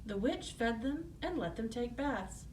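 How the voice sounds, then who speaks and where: A woman's voice: fairly high pitch, expressive, unhurried, darkish tone, recorded from a distance, slight background noise. A woman storyteller narrating a children's fairy tale, in the manner of a fairy tale opening.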